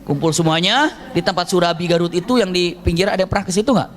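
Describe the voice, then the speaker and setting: A man giving a storytelling religious lecture, acting out shouted characters and laughing often. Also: high voice, quick pace. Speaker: preacher.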